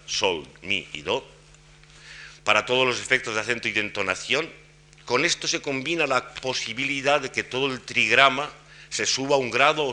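A man giving an academic lecture on grammar and intonation, explaining in a measured way with frequent pauses. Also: fairly low pitch, bright, forceful tone. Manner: demonstrates intonation patterns by voicing example questions.

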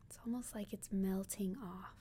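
Speaking in a gentle, breathy near-whisper with long pauses, this woman leads a calming guided meditation much like a sleep story. Her voice sits in the mid-range with a steady tone, against slight background noise.

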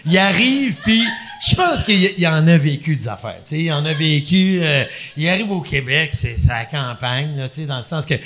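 Animated Québécois storyteller, man. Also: fairly high pitch, fairly quick, few pauses, a little hiss or hum. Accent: Québécois French. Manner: lively, acts out voices, laughs often. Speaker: podcast guest.

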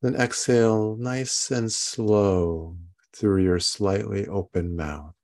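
A man guiding a body scan meditation in a calm, soothing, halting manner with long pauses between phrases. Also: fairly low pitch. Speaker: meditation guide.

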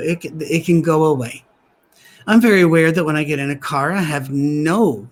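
A male pastor with a voice on the high side gives a sermon at a soundstage church gathering. He's soft-spoken and gentle, keeping things conversational with occasional dry humor.

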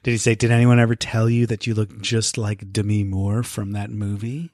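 A man improvising a playful female friend who keeps guessing and then gently reassures her. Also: on the low side, level tone, moderate pace, dry recording, studio quality, lightly acted. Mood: teasing. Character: teasing, supportive female friend.

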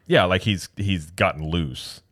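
A man's voice: sits low, unhurried, fairly bright tone, dry recording, studio quality. A man co-hosting a podcast, chatting casually and telling a long story that wanders, acting out what people said. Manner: rambling storyteller, acts out quotes. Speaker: podcast co-host. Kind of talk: casual chat.

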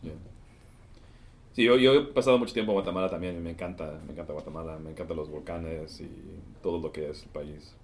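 A man leading a relaxed conversation who mixes in English words. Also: low voice, fast, slight background noise. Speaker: interviewer. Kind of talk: casual conversation.

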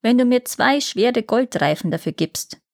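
A woman's voice: fairly high pitch, lively intonation, a little slow, pitched above the performer's own voice. An ugly, crooked dwarf from a fairy tale grumbles and mocks, as a woman reading the story puts him on. The voice stays close to her usual reading tone. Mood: grumbling. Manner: grumbling, mocking.

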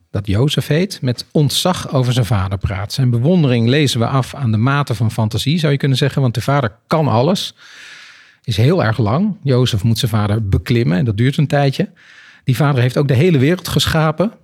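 A man hosting a podcast book discussion, speaking thoughtfully with hesitant pauses. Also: medium pitch, a little mellow, slightly rough. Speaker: podcast host. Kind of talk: literary discussion.

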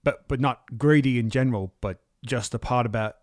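A man's voice: medium pitch, normal speed, no room sound, clean studio sound, natural voice. A man playing a fussy, cowardly old miser in a comedy audio drama, stammering and theatrical. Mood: weary.

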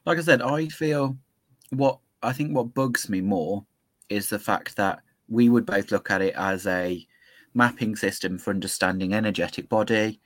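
A man co-hosting a podcast in casual discussion, thoughtful and hesitant, with many pauses and ums. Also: lowish voice, fairly even intonation, no echo. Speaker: podcast co-host.

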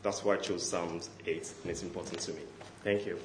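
A man's voice: low-pitched, level tone, a little fast. A man giving a short personal remark on scripture as a Bible reader. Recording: echoey room with faint background noise.

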